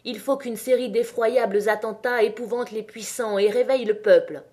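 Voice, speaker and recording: A woman reading the part of a calm but fanatical male anarchist who speaks softly and grows fervent, in an audiobook. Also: medium pitch, normal speed, lightly acted. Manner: soft, then fervent.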